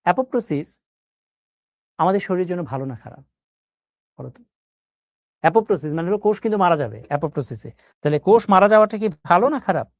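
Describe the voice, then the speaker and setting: A male teacher talks students through a lesson. His pitch rises and falls a lot as he explains with everyday examples and asks whether everyone follows. The recording sounds dry and close. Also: lively intonation, fast talker, pauses often, no room sound. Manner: explains with everyday examples and checks understanding with questions. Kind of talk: classroom biology lesson.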